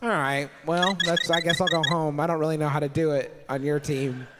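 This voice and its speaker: High-voiced rambling comic man. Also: fairly even intonation, fairly quick, very noisy. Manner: rambling, builds absurd bits with acted quotes. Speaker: podcast co-host. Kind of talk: comedic casual podcast chat. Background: game music under the podcast.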